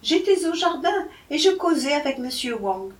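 A woman's voice: sits high, big pitch swings, moderate pace, pitched above the performer's own voice. A woman reading aloud, voicing a giggly naive young girl who asks blunt, innocent questions. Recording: roomy, from a distance.

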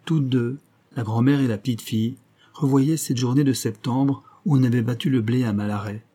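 A man narrating a novel as an audiobook in a measured, even storytelling manner. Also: medium pitch, breathy edge.

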